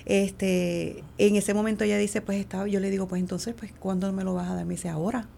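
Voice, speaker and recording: A woman's voice: mid-range voice, fairly even intonation, fairly quick, creaky, dark tone, a little hiss or hum. A middle-aged woman, a guest in an interview, tells a personal story in conversation, acting out the quoted lines and using many fillers.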